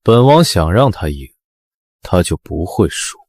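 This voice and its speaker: An aloof prince, really deep, slow and bossy. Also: male voice, husky, no room sound, clean studio sound, full character voice. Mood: imperious. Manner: slow, calm, imperious. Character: cool, commanding young prince.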